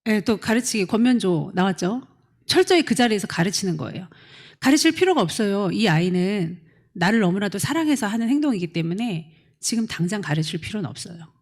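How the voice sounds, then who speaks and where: Here a woman in middle age preaches an energetic sermon to young adults, her voice medium in pitch and brisk in delivery. She dramatizes the quotes she cites and addresses congregants by name with questions.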